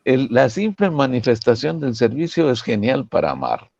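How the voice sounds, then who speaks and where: Un hombre con acento mexicano que comenta temas religiosos en una charla, contando anécdotas con muchas preguntas retóricas. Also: male voice, medium pitch, normal speed, gravelly, breathy edge, dry recording, dull audio. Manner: lively, lots of rhetorical "¿no?" and "¿verdad?". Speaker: church member commenting. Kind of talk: religious discussion, storytelling.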